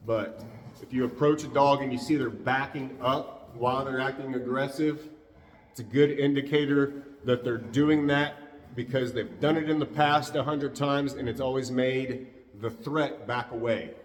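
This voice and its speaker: A man talks calmly and casually as a dog trainer, explaining while he works. His mid-pitched voice sits back from the mic, and a long, roomy echo trails after his words. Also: measured pace, far from the mic, slight background noise. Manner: calm, easygoing, explains as he works.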